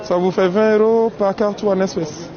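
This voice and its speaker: A man's voice: high-pitched, normal speed, crowd noise. A man with an accent and rolled r's, a train conductor making playful, jokey announcements and chatting with passengers. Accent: French-speaking accent with rolled r. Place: aboard a moving train. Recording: noisy train carriage, muffled sound.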